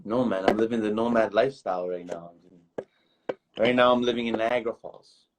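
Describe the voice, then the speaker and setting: A man's voice: on the low side, fairly even intonation, a little fast, background noise. A young man from Toronto, a guest recording artist, chatting in an easygoing, rambling way and calling the host bro and man. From Toronto, Canada. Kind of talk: casual interview chat.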